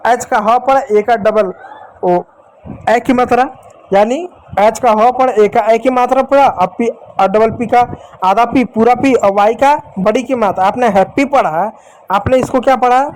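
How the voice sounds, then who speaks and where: A man gives a lesson at the board. His voice sits very high for a man. He keeps asking the class questions, then answers them himself with patient repetition. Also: measured pace, low-quality recording. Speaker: English teacher.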